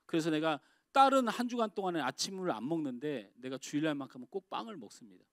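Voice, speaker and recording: A middle-aged man preaching a sermon, his voice sitting a little high for a man. He swings between loud emphatic outbursts and quiet confiding asides. The sound is dry and close, with almost no room echo. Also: lively intonation, fast. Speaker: pastor. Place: church sanctuary.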